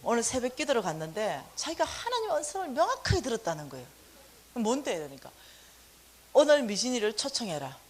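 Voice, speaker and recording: A middle-aged woman teaches in a church finance lecture, bringing her stories to life by acting out each side of a conversation. Her voice sits high and leaps about in pitch as she tells them. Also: brisk, a little hiss or hum. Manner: animated, acts out dialogue with exaggerated voices and laughs. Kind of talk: lively storytelling lecture.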